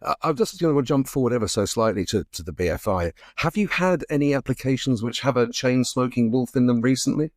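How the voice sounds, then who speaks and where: A man's voice: medium pitch, animated, a little fast, hardly any pauses, no room sound, clean studio sound. A man hosting a podcast interview, friendly, with stumbling restarts in his questions.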